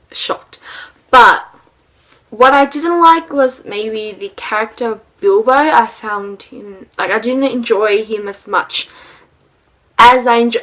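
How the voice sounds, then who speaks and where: A woman's voice: fairly high pitch, a bit bright, low-quality recording. A young woman giving a casual, rambling book review for her vlog, with lots of ums and little laughs.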